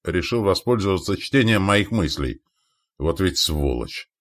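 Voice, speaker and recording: A man voicing a gruff, scornful male warrior commander who goads the others, in a lowish voice. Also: animated, a little slow.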